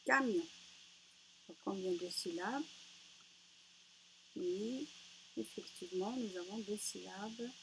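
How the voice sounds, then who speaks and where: A woman leads a children's reading lesson, slow, patient and encouraging as she counts out syllables. Her voice sits at an ordinary middle pitch. A faint hiss of background noise runs under the home recording. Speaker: primary school teacher.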